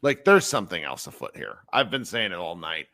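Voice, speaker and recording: A man's voice: sits low, very animated, fairly quick, sharp tone. A man hosting a long live podcast, sounding worn down and laid-back, mostly giving short replies to a caller. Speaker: podcast host. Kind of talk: casual chat with a caller.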